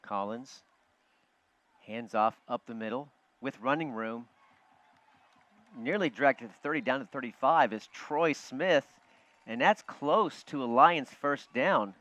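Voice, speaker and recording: A man calling live football play-by-play from a broadcast booth, quick and chatty, joking with his partner. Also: medium pitch, a bit bright, no room sound. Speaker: play-by-play announcer. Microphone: broadcast booth headset. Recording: dull, muffled broadcast audio.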